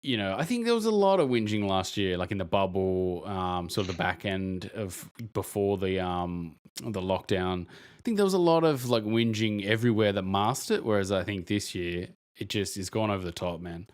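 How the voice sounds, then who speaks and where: Male podcast co-host, lowish voice, casual rambling delivery, acts out asides. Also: lively intonation, moderate pace. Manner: rambling, acts out what he says to players. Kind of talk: casual sports chat.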